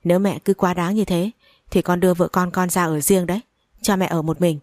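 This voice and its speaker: A woman's voice: fairly low pitch, fairly even intonation, fairly quick, a little mellow, no room sound, clean studio sound, natural voice. A woman voicing a young husband who scolds his mother in a raised, reproachful voice.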